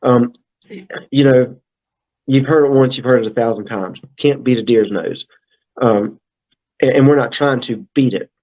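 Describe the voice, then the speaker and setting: A man's voice: medium pitch, measured pace, long pauses, lo-fi sound. A middle-aged man talking casually as a guest on a podcast, full of fillers and restarts. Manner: talkative, frequent fillers and restarts. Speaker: brand manager guest.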